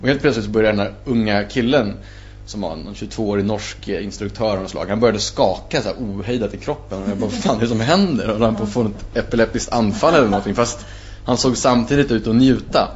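A man talking as a podcast guest in a casual storytelling style, animated and acting out his own past reactions. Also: on the low side. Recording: muffled lo-fi with faint hum.

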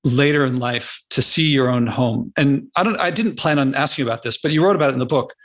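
A man's voice: mid-range voice, brisk, a bit bright. Man asking rambling interview questions. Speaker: podcast host. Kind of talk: interview conversation.

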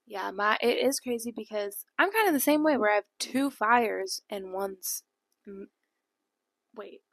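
Playful young woman with a gravelly edge. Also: medium pitch, expressive, unhurried, no room sound, studio quality. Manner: teasing, playful, lots of "like". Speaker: podcast co-host. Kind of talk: casual chat.

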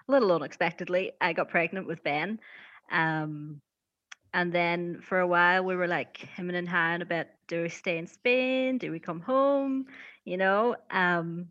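Donegal woman, slightly muffled, lowish voice. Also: a bit bright, no room sound. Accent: Donegal Irish. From County Donegal, Ireland. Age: 30s. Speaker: podcast guest. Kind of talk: casual personal storytelling. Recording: slightly dull, lo-fi sound.

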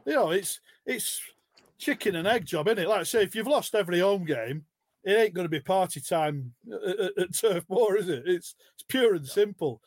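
A man on a football fan podcast panel, talking casually with lots of restarts and quick laughs. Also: high-pitched, expressive, no room sound. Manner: rambling with many restarts, laughs often.

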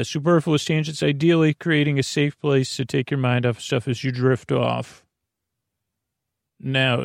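A man hosts a sleep podcast with a meandering bedtime monologue, speaking in a creaky, gravelly, mid-range voice. He comes across as halting, absent-minded and self-deprecating. The studio-quality recording has no echo.

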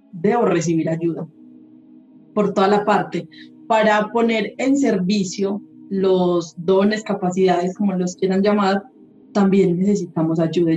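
A woman's voice: medium pitch, dark tone. A woman, a holistic therapist, talking in a candid podcast chat and swearing casually as she tells stories. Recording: roomy, slightly dull sound, faint music.

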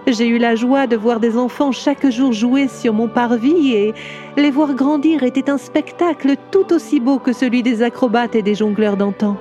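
Old stone cathedral talking soft and tender, a lady doing the voice, kinda high, music under it. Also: moderate pace, highs cut off, lightly acted. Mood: wistful. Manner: tender, confiding storyteller. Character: ancient proud gentle female cathedral. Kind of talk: storybook audio drama narration.

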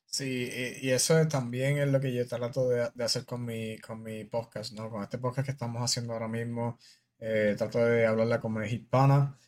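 A man's voice: mid-range voice, level tone, brisk, darkish tone. A man from Puerto Rico with a Puerto Rican Spanish accent, hosting a podcast interview in casual, earnest talk that often restarts and repeats words. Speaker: podcast host, army officer.

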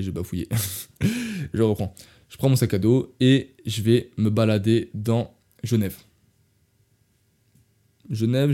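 A man's voice: on the low side, warm tone. A young man from France telling travel stories in a casual, rambling podcast, often correcting himself and talking straight to his listeners. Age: young adult. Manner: rambling, restarts and self-corrections, addresses listeners as "les gars".

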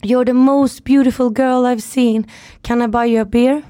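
A man's voice: extremely high pitch, flat delivery, dark tone, no room sound, clean studio sound, pitched above the performer's own voice. A woman voicing a polite young man who approaches a stranger, in her own voice. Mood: eager.

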